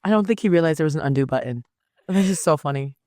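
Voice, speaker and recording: A young woman co-hosting a casual chat podcast, playful and teasing, jumping in with quick reactions. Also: sits low, expressive, darkish tone, no echo, studio quality. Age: young adult. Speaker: podcast co-host.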